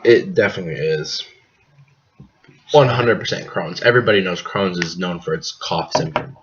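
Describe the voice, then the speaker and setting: A young man from the US Midwest co-hosting a casual podcast, joking and rambling with deadpan asides, coughing now and then. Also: low-pitched, normal speed. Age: young adult. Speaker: podcast co-host. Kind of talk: casual chat. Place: apartment living room. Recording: dull lo-fi home recording, faint noise.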